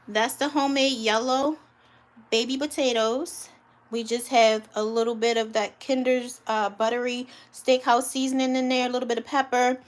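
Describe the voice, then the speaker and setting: Chatty woman home cook, talks to her viewers. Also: a little high. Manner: chatty, relaxed, talks to viewers, calls them honey and guys. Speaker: home cook streaming live. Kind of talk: casual live cooking stream.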